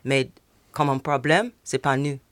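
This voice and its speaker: A man, a native English speaker, discussing literature as a panel guest in halting, foreign-accented French with English words slipped in. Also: medium pitch, a bit bright, no echo.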